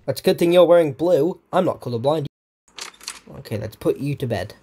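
A man doing let's-play commentary, excitable and swearing at the game while muttering to himself. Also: on the high side, a little fast, breathy edge. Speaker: gamer.

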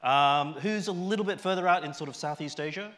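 A middle-aged Australian man gives a casual talk from the stage of a large indoor auditorium, his voice brisk, slightly bright and pitched on the high side. He speaks conversationally as a conference presenter, often tossing in short tag questions to check in with the audience.

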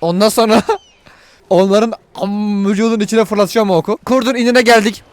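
Excitable high-voiced man playing a game. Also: normal speed, no room sound. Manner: excitable, crude joking and swearing; talks to viewers while playing. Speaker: gaming video host. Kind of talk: let's play commentary.

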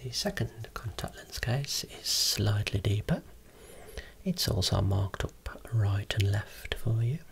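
A voice whispering slowly and softly, showing eye-clinic equipment as an ASMR role-play optometrist. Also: deep voice, animated, vocal fry. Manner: soft unvoiced whispering, explaining slowly.

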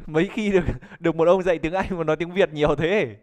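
A man's voice: fairly high pitch, steady tone, fast talker. A man, teaching a live online pronunciation class in a chatty, joking way and calling on students to answer. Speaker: English teacher.

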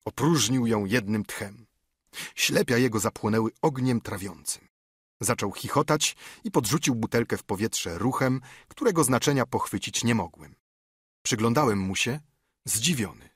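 A man reading a classic story as an audiobook narrator, with steady storytelling. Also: moderate pace, husky, no echo, studio quality. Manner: steady storytelling, lifting pitch for quoted dialogue. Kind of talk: scripted narration.

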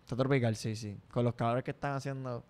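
Fast-talking Puerto Rican man. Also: medium pitch, fairly even intonation, a little mellow. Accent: Puerto Rican Spanish. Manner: quick, joking interjections. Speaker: podcast co-host. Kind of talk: casual chat.

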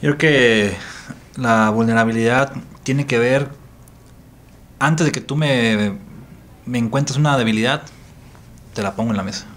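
A man's voice: mid-range voice, a little slow, long pauses, a bit bright. A man, a priest with a Mexican Spanish accent, speaking in a reflective podcast interview with an earnest tone and repeating phrases for emphasis. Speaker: priest guest.

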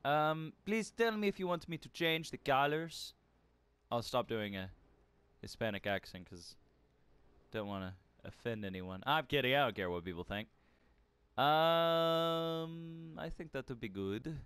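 A man's voice: mid-range voice, lively intonation, a little slow, fairly bright tone, clear, resonant tone, no echo. A man casually commenting on a game he is playing, rambling, joking and swearing freely. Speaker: gaming channel host. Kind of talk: casual let's-play commentary.

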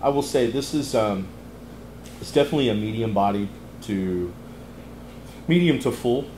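Low-voiced man reviewing cigars. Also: moderate pace, echoey room, slight background noise, low-quality recording. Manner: relaxed, easygoing, many ums. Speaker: cigar lounge host. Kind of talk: casual cigar review chat. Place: cigar lounge, indoors, leather chairs.

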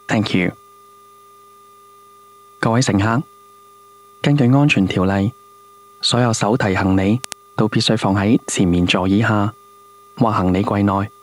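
Low-voiced male flight attendant announcement. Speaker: cabin announcer. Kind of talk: scripted airline safety announcement.

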